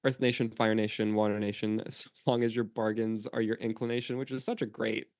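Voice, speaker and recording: A man's voice: on the low side, little pitch movement, fairly quick, dry recording, studio quality. A man co-hosting a podcast, chatting casually and laughing often as he recaps a cartoon episode with plenty of fillers. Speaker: podcast co-host.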